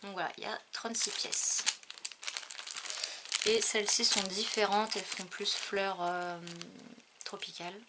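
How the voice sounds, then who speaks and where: Woman vlogger, middle pitch, halting casual chat, crinkling noise behind. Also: fairly even intonation. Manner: hesitant, many fillers, trailing off. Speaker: craft haul vlogger. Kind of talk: casual chat showing purchases.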